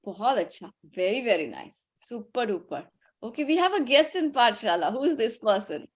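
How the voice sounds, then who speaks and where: A woman's voice: on the high side, big pitch swings, fast, breathy edge. A woman with an Indian accent teaching children on a video call, patient and encouraging as she instructs and prompts them. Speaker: teacher leading an online religious class for children.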